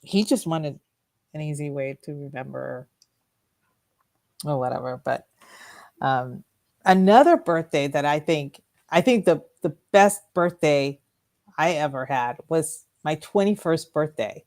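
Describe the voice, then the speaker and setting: Her voice is low, a little mellow and creaky, with lively intonation and a measured pace. She's a middle-aged radio talk show co-host in the studio, wandering through personal stories and laughing a lot.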